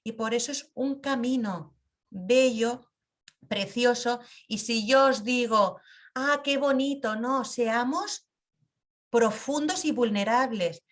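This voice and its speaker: A woman teaching a class on compassion, telling personal stories in an intimate, emphatic way with pauses. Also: fairly high pitch. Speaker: meditation and personal growth teacher. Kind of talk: reflective lesson with personal stories.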